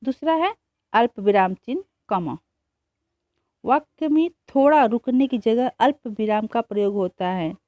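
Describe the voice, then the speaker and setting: A woman teacher explaining a grammar lesson slowly, repeating examples and answering her own questions. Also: on the high side, lively intonation, no room sound. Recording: dull, muffled dry recording.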